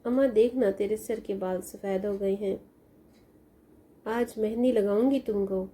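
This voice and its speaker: A woman voicing a sad, lonely young woman who pleads softly as she grieves for her mother in a storybook tale. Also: medium pitch, steady tone, unhurried, close to an everyday voice. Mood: sorrowful. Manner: plaintive, pleading.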